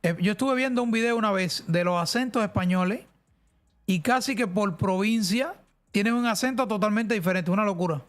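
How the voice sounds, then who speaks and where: A man's voice: high voice, fairly quick. A man with a central Cuban accent, chatting casually and rambling on a live game stream. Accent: central Cuban Spanish. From central Cuba. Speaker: streamer host.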